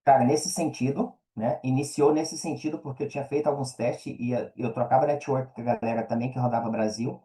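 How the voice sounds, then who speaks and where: Speaking fairly quickly with hardly any pauses, this podcast guest has a mellow, medium-pitched voice and a steady tone, plus a Brazilian accent. He keeps the interview chat casual and informal, peppering it with tags to check the listener is following.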